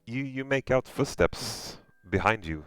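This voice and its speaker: A man's voice: medium pitch, expressive, measured pace, a bit bright, smooth, no room sound, soft background music, rough recording. A man with a Swedish accent running a tabletop game, describing scenes hesitantly with many fillers. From Sweden. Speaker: game master.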